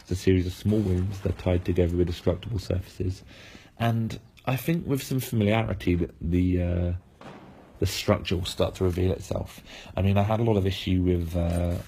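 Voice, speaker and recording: A man's voice: sits low, fairly even intonation, moderate pace, mellow, slight background noise. A man losing his voice, giving analytical game preview commentary with frequent fillers and restarts.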